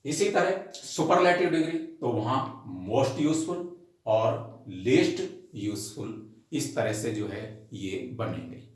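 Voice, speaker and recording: A male teacher working through grammar rules at a very unhurried pace. He spells each example word letter by letter, then repeats the rule for his students. His voice rings in a very echoey room. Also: mid-range voice, lively intonation. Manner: addresses the class directly as students. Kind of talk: recorded grammar lesson.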